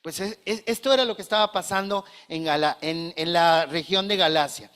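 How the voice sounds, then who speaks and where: A man's voice: high-pitched, normal speed, fairly bright tone, clean tone. A man preaching a sermon, earnest and questioning, often addressing listeners as brothers. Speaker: pastor.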